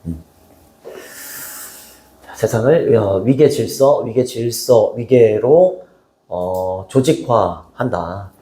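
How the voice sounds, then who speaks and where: A man's voice: mid-range voice, animated, extremely slow, pauses often, mellow. A man teaching an English class, talking casually and often asking the students short questions. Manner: casual, chatty, asks students rhetorical questions. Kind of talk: classroom lecture.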